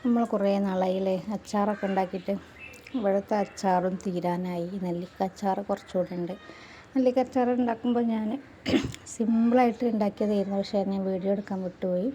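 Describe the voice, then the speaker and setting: A middle-aged woman chats through a home cooking voice-over, often dropping in friendly tag words. Her voice is mellow and stays fairly level in pitch, with a faint hiss of noise underneath. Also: steady tone, fairly quick. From Malappuram, Kerala. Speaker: cooking channel host.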